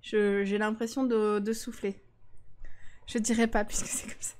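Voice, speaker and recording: A woman's voice: medium pitch, little pitch movement, normal speed, darkish tone, a little hiss or hum. A woman streaming a life-sim game, chatting casually and teasing her viewers. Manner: chatty, teasing, talks back to chat.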